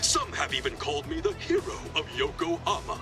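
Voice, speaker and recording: A man's voice: fairly high pitch, huge pitch swings, over music. A man playing an earnest, cocky yakuza hero in a video game, introducing himself with theatrical grandeur. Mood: proud, theatrical. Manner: grandiose, slow storytelling.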